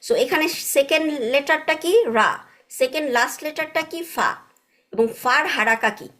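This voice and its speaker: Patient woman teaching grammar, higher voice. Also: normal speed, a bit bright. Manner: patient, checks understanding with frequent tag questions; mixes English words into explanations. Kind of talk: online class explanation.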